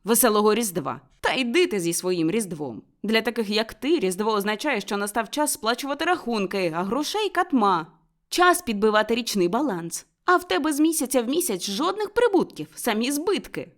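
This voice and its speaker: A woman's voice: fairly high pitch, very animated, a little fast. A woman voicing a grumpy, miserly old man who answers curtly and scornfully, read aloud in a storybook. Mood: grumbling. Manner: gruff, curt and scornful.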